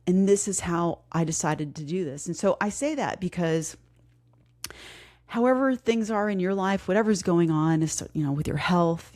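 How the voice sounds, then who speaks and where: Low-voiced woman podcast host, grieving, close to tears, candid and rambling. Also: warm tone. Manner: candid, emotional, many fillers and restarts. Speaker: podcast host and fitness coach. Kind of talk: casual heartfelt podcast talk.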